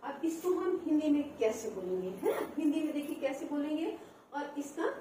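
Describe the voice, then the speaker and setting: A woman's voice: high-pitched, big pitch swings, normal speed, noisy background. Echoey teacher woman drilling counting. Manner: repeats "है ना?" often, asks and answers own questions. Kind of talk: classroom lesson for children. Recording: echoey distant room recording.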